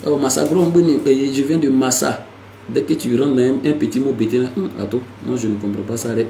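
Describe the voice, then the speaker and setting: A man hosting a casual language lesson, lively and repetitive, with playful asides. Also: medium pitch, fairly quick, gravelly, reverberant, a little hiss or hum, poor audio. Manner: lively, repeats words, slips into playful asides. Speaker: language teacher hosting a segment.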